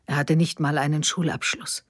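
A woman narrating a novel as an audiobook in a measured, even storytelling manner. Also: deep voice, breathy edge, no echo, clean studio sound.

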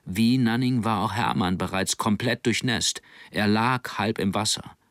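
A man narrating an audiobook in a steady, measured reading. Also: on the low side, dry recording, studio quality. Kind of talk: scripted narration.

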